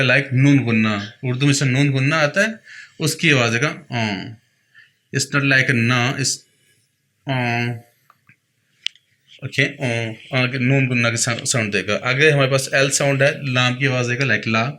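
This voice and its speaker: Bright-voiced man teaching sounds. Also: mid-range voice. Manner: patient, repeats each sound slowly for the learner. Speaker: pronunciation teacher. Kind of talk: explaining a lesson.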